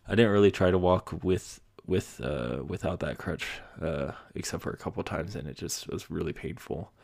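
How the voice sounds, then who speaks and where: Host: young adult man, very deep gravelly voice, husky, meandering solo podcast talk. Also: moderate pace, darkish tone. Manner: rambling, self-deprecating, many fillers. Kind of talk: casual solo podcast monologue. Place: home basement room.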